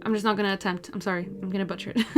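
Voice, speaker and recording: Woman, twenties, live-stream art chat, casual and chatty, laughs easily, mid-pitched voice, faint background music. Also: steady tone, rapid-fire. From Portugal. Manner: chatty, laughs easily, reads out and answers viewer messages.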